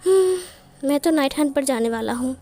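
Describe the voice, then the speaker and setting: A woman voicing a brisk young man in a storybook narration, speaking in a matter-of-fact way. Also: high voice, expressive, warm tone, soft background music.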